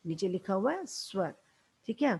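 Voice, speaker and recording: A woman with a Haryanvi accent gives young schoolchildren a slow, patient classroom lesson, calling them "beta" and "bachche." Her medium-pitched voice is sing-song and gravelly, a little mellow and slightly rough.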